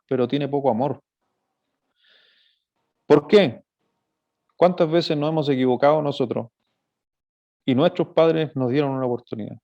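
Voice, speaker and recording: A man preaching to parents in a sermon-style lecture, his voice gravelly with a slightly high, dark tone. He explains earnestly and keeps posing rhetorical questions to the audience. The recording is dull and lo-fi. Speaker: pastor giving a talk on marriage and parenting.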